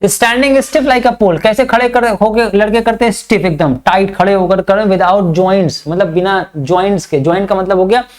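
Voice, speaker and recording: This Hindi-medium English lesson comes from a male teacher with a high voice. After slowly reading English lines aloud, he breaks them down in chatty Hindi and throws in fatherly reprimands to the class.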